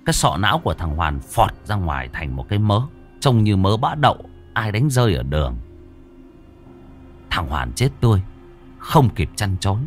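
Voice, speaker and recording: Lively male horror storyteller. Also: sits low, normal speed. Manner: vivid, expressive storytelling. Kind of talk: dramatic horror story narration. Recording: narration over faint music.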